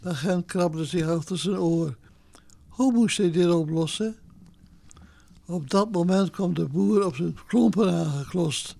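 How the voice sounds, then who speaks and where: Slow, gravelly woman reading a story. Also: on the low side, dark tone, dry recording. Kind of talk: reading a children's story aloud.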